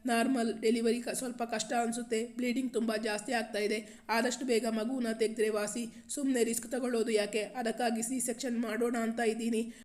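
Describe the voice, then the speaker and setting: A calm female hospital doctor from a storybook, matter-of-fact and steady, read by a woman narrator. Her voice is fairly high and narrow in range. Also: normal speed, natural voice. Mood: serious.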